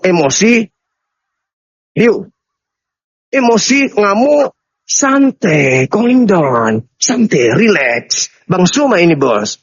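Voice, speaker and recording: A man with a high-pitched voice delivers a combative, taunting debate speech, lecturing his opponents as an Islamic apologist. The recording sounds muffled and lo-fi, with a dry close sound and no room echo. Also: fairly bright tone. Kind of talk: heated live debate speech.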